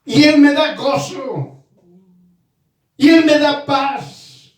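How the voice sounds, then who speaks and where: Slow, high-voiced preacher in an echoey room. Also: male voice. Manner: repeats phrases and asks listeners if they understand. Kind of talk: sermon. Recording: very echoey room, distant mic.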